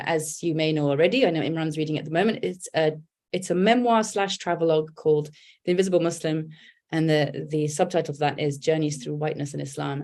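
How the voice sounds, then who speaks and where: A poet and writer in her forties from England talks about her creative work in a relaxed interview. Her voice sits low, and she speaks reflectively and candidly, with frequent fillers and restarts while gathering her thoughts.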